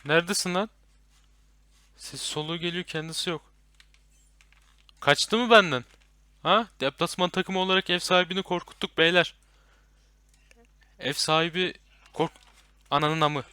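A young man playing a horror game with a friend, commenting and swearing loudly at the enemies. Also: on the high side, fairly even intonation, moderate pace, long pauses, clear, resonant tone, no room sound. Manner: loud, swearing, yelling at enemies. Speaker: gaming YouTuber.

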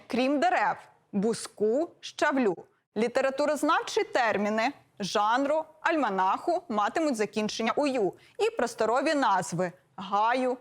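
Higher-pitched woman explaining grammar. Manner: measured, listing examples one by one. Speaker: philologist presenter. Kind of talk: scripted educational explanation.

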